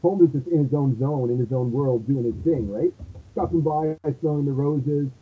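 A man's voice comes through muffled and hollow, as if he were talking from inside a tunnel. The sound is thin and phone-like, with a rough, husky edge. He rambles casually, restarting his sentences as a podcast co-host. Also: medium pitch, moderate pace. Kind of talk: casual discussion of a detective story. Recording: muffled phone-like bad mic.

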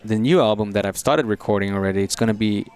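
A young man raised in Brazil speaks as a musician guest in a conversational interview, talking thoughtfully and often repeating words while he searches for what to say. His voice is lowish, dark-toned and clean, and he talks fast.

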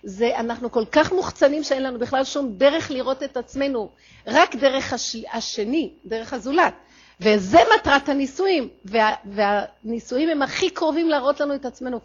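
Measured woman giving a religious lecture. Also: sits high, breathy edge. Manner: measured, explanatory teaching. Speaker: religious teacher. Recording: slightly dull lo-fi recording.

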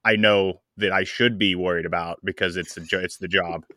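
Man, podcast co-host, low voice, rambling, wry, casual chat. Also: steady tone, sharp tone. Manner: rambling, halting restarts, wry.

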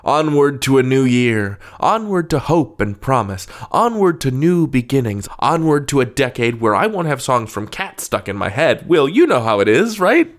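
A podcast host with a medium-pitched voice speaks at normal speed with few pauses, very animated. He reads scripted announcements playfully and theatrically, adding formal flourishes, in a podcast outro that includes an interview.

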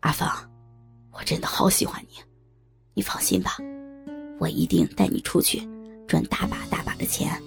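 A woman voicing a pushy, smooth-talking man who speaks in a low, half-whispered coaxing way. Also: big pitch swings, moderate pace, long pauses, faint music behind, exaggerated voice.

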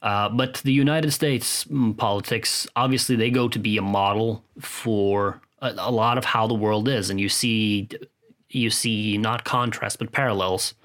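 Man rambling in a low voice. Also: steady tone, unhurried, fairly bright tone. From Norway. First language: Norwegian. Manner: rambling, frank, swears freely, many restarts. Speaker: podcast host. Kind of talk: casual solo monologue.

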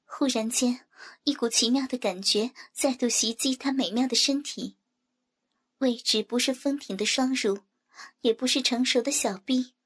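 A woman narrating a scripted adult audio story in a soft, even delivery. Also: on the high side.

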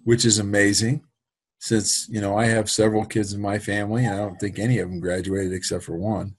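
A man's voice: fairly low pitch, flat delivery, a little fast, husky. A middle-aged man, a football trainer, telling a rambling story in a casual interview, with many restarts and asides. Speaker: football trainer and program host.

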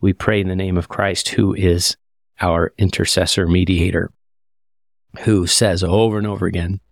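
Low-voiced earnest man teaching scripture. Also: flat delivery, moderate pace, vocal fry, no echo, clean studio sound. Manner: earnest, reflective, quotes verses aloud. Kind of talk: conversational scripture lesson.

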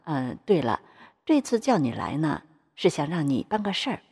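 Woman doing a lecherous middle-aged male official, coarse, bossy, husky, lively pitch. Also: normal speed, heavily acted. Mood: coaxing. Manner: coarse, swearing, bullying. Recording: long reverb.

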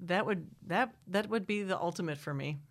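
A middle-aged woman from Wisconsin with a Wisconsin accent talks into a studio microphone in a slightly low voice. She rambles through long, self-interrupting answers and laughs easily between thoughts. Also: normal speed. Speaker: singer-songwriter guest. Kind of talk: casual interview chat.

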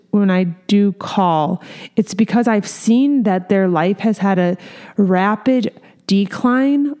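Salon owner lady chatting on a podcast, mellow warm voice, earnest, lots of likes and fillers. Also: medium pitch. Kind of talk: casual podcast talk.

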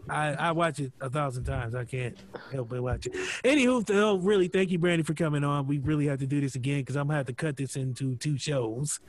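Male podcast host, high voice, loose and jokey, swears freely, rambles through banter and plugs. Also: quick pace. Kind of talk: casual comedic podcast banter, sign-offs and plugs.

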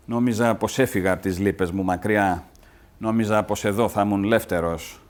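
A man's voice: on the low side, fairly even intonation, pitched below the performer's own voice, lightly acted. A man reading the part of a restless young man who is evasive and tender toward his dying mother. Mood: wistful. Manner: read aloud from a play translation.

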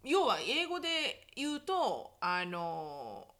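A woman co-hosting a podcast in casual chat, lively and playful, dropping English phrases into her Japanese. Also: medium pitch, extremely slow. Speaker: podcast co-host.

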